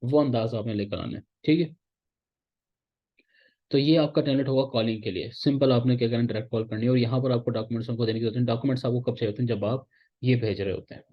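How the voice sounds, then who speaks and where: A man's voice: mid-range voice, fairly even intonation, fast talker. Man teaching casually. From Pakistan. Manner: casual, repetitive teaching, often checks in with "theek hai". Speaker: instructor. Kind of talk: recorded lecture. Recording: slightly dull, lo-fi audio.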